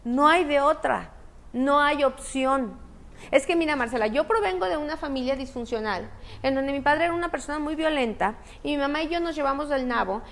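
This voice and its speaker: A woman giving a parenting talk to an audience. She asks questions and then answers them herself. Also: high-pitched. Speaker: parenting speaker.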